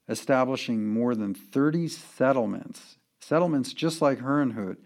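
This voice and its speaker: Man with a gravelly voice, lecturing. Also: medium pitch. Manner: earnest, emphatic, lists points. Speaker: church history teacher. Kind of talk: church history lecture.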